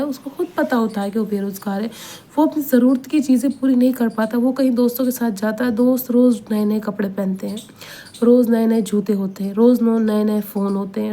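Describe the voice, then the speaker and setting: Earnest woman giving gentle religious advice. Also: on the high side. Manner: earnest, repetitive, pleading, often asks the listener "right?". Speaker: advice speaker. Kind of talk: Islamic motivational advice talk.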